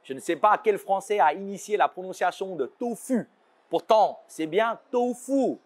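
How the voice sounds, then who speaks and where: A man's voice: sits high, normal speed. A man from China, presenting a scripted educational segment and explaining with playful asides. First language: Chinese. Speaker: show host.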